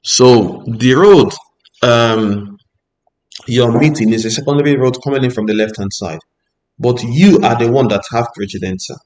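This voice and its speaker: The medium-pitched, darkish voice belongs to a man leading a driving theory lesson. He recites every rule, explains it patiently, and keeps checking in with a short "Ok?"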